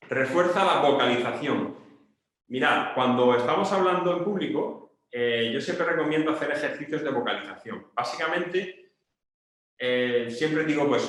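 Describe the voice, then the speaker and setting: A man's voice: fairly high pitch, a bit bright. A man from explaining public speaking tips casually, often checking in with his listeners. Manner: explains with examples, asks "¿vale?". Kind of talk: casual video lesson. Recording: very echoey room.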